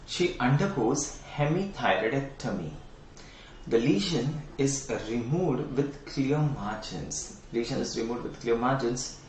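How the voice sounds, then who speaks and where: A middle-aged man with an Indian English accent teaches anatomy in an online exam-prep lecture, quizzing students and repeating key terms. His medium-pitched voice is expressive and darkish, at a measured pace. The room is echoey, with a distant mic and slight hiss or hum.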